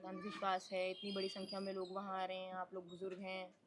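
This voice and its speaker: A woman's voice: mid-range voice, completely flat delivery, fast talker, noisy background. A woman reporter asking interviewees probing questions in the field.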